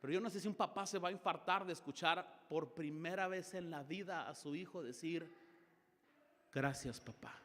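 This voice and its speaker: A man's voice: on the high side, brisk, hardly any pauses, fairly bright tone, big-room sound. A middle-aged man with a Mexican Spanish accent preaching a sermon in a church, shifting his tone dramatically as he acts out little dialogues. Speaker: pastor.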